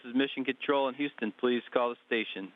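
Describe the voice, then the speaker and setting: Guy on mission control radio, tinny comms line, mid pitch, short formal calls. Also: fairly even intonation, brisk, over loud music. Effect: radio communications loop.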